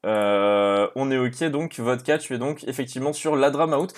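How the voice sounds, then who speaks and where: A man hosting a live stream, running a draw and reacting out loud to each result. He talks casually and excitably and speaks to viewers by name. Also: medium pitch, normal speed.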